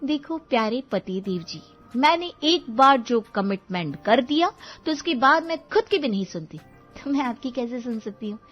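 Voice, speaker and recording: A woman's voice: fairly high pitch, animated, moderate pace, muffled recording, faint music behind. A woman voicing a bossy, dramatic young wife in a cartoon, sassy and demanding. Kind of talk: cartoon voice acting.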